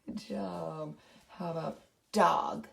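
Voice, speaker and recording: Encouraging woman with a gravelly edge. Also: low voice, fairly even intonation, takes it slowly. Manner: patient, encouraging teacher-like tone. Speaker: literacy presenter and mother. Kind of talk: educational presentation with phonics games.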